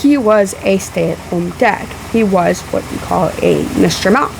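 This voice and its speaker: A woman vlogger answers a video with a casual but emphatic rebuttal straight to camera, her halting phrases sounding sick, emotional, and slightly breathless. Her mid-range voice is expressive and creaky, and a loud fan hums in the room of the house where she records.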